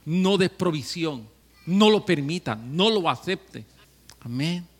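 A man preaching a sermon as pastor, swinging from hushed, slow stretches to loud, joking outbursts. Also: fairly high pitch, animated, husky.

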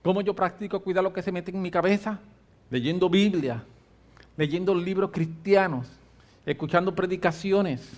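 A middle-aged pastor with a high voice preaches a sermon fervently and emphatically. He stresses words slowly and swings from loud to soft.

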